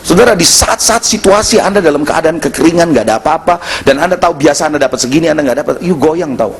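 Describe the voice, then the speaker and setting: A male pastor, preaching a sermon at a church service and telling a personal story in animated, slangy dialogue. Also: a little high, quick pace, husky.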